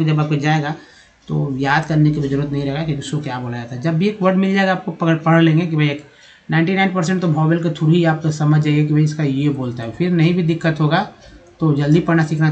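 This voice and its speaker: A man teaching English vocabulary and pronunciation in a YouTube lesson, spelling words out letter by letter and repeating them patiently. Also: on the high side. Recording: lo-fi, dull sound.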